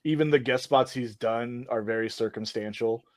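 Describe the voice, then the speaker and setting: A man metal musician talking casually on a podcast, thinking aloud and teasing a bandmate. His mid-pitched voice sounds dry and close, with no room around it. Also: moderate pace, a little mellow, no room sound. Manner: teasing, rambling. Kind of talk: casual chat.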